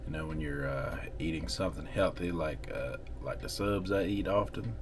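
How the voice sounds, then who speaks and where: A man's voice: very deep voice, normal speed. A man talking casually to his vlog audience in a folksy, rambling way, on a noisy recording. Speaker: vlogger. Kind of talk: casual diet-progress vlog talk. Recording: clearly noisy background ambience.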